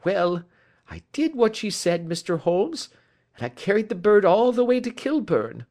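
A man's voice: high voice, sing-song, a little slow, a little mellow, full character voice. A man reading aloud as a frightened, desperate young male thief confessing his story in an agitated, pleading way. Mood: anxious. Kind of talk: audiobook reading.

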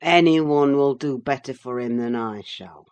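A woman's voice: a bass voice, moderate pace, a little mellow, clear, resonant tone. A woman reading the lines of a drunken, cruel young father in an audiobook, voicing reckless threats.

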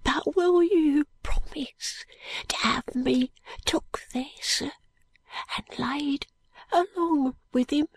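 Woman doing a frail, slow-spoken street boy, high and breathy, dry close mic. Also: no room sound. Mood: feeble. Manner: dialect speech, faint halting whispers. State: weak and breathless. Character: dying ragged street boy, weak and humble.

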